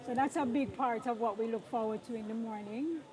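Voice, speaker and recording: A woman hosts a live outdoor event broadcast, upbeat and prompting her co-host with questions. Her fairly high-pitched voice is brisk, the audio is poor, and crowd chatter fills the background.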